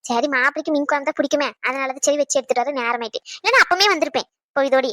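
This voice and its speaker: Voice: high-pitched, very fast, no room sound, clean studio sound. A performer voicing a doting, chatty mother in a cartoon, fussing over her daughter. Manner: warm scolding chatter. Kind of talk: cartoon voice acting.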